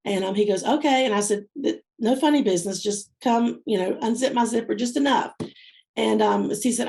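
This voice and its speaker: A woman in her fifties, a guest telling a personal love story in an interview, heartfelt and teary-eyed, going quiet and slow at the tender parts. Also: mid-range voice, vocal fry. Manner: heartfelt, softens and slows at tender moments. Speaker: guest speaker.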